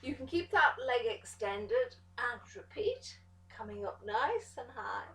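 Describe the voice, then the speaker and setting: Bright-voiced woman cueing a pilates class. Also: a little high, a little slow, distant mic. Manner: calm step-by-step cueing, encouraging. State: out of breath at times. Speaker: pilates instructor. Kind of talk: exercise class instruction. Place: pilates studio room. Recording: echoey studio room, voice from off the mic.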